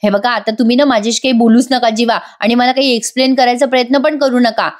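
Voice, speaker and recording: A woman's voice: on the high side, steady tone, fast, close to an everyday voice. A woman voicing a hurt and angry young wife who speaks sharply and reproachfully.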